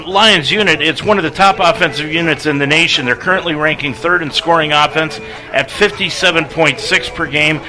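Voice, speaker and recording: A man calling a college football pregame radio broadcast as play-by-play announcer, briskly reading scores, stats and lists of names. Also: fairly high pitch, poor audio.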